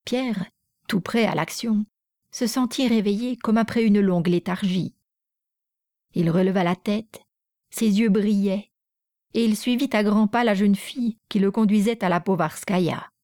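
A woman's voice: mid-range voice, no echo, studio quality. Woman narrating a classic novel. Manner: measured, even storytelling. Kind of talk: audiobook reading of a classic novel.

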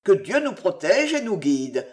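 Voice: medium pitch, sing-song, measured pace. A reader voicing a crafty, pompous old Scottish inn waiter who preaches with mock virtue.

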